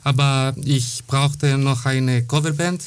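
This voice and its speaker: A man speaking as a searches for his words and restarts his sentences. His voice is mid-pitched and plain, the voice of a band member in a casual chat. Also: steady tone, takes it slowly, clean tone. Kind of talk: casual interview talk.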